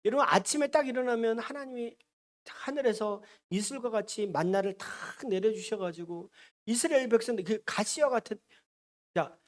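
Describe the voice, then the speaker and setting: A male pastor preaching a sermon, animated and often asking the congregation questions. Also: high-pitched.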